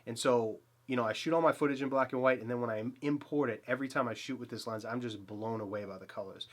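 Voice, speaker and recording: Speaking quickly in a slightly bright, medium-pitched voice, this Boston-accented man in his thirties gives an eager, casual gear review of a portrait lens. He rambles to camera with fillers and false starts, filming in a dim little home studio for his photography channel.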